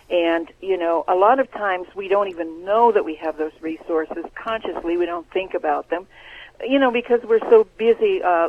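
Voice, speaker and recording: A man, an author, answering interview questions in an earnest, measured way over the phone. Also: high voice, a little hiss or hum. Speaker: author guest. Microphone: telephone. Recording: tinny phone line.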